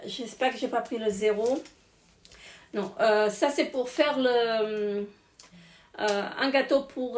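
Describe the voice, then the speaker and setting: A hoarse woman in her forties casually showing her grocery haul, rambling with lots of fillers and self-corrections. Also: fairly high pitch, reverberant, slight background noise.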